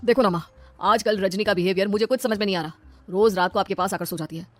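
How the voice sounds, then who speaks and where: A woman's voice: medium pitch, steady tone, fast, no room sound, lightly acted. A woman voicing a patient young husband in a comic skit, coaxing and mildly exasperated. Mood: pleading.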